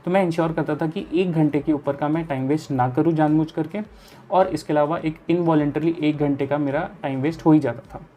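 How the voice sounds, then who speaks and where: A man's voice: on the high side, dark tone, a little hiss or hum. A young man from India talking casually in an easygoing, explanatory way, giving study advice straight to the viewer in a vlog. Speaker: chartered accountancy student and study vlogger.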